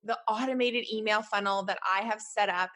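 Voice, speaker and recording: A woman's voice: mid-range voice, steady tone, moderate pace, pushed and bright. A woman in her thirties with a Canadian accent, hosting a solo podcast in a chatty, encouraging way with many fillers. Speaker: podcast host.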